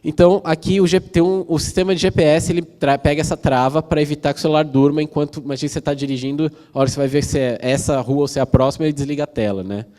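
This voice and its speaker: A man's voice: on the high side, steady tone, rapid-fire, few pauses, darkish tone. A Brazilian man giving a casual technical conference talk, explaining step by step with many fillers and tag questions. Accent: Brazilian Portuguese. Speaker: conference speaker. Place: large conference hall. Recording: long hall reverb.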